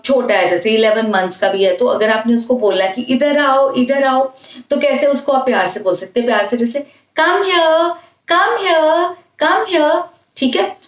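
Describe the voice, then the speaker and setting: Woman, English teacher, casual lesson, patient, repetitive, slightly high voice, echoey room. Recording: echoey room, mic set far off.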